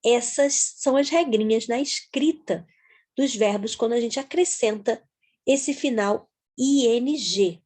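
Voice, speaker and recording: Woman teacher, unhurried, patient, spells things out, slightly husky. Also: fairly high pitch, a little mellow. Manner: patient, spells words out letter by letter. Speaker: English teacher. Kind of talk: explaining grammar to viewers.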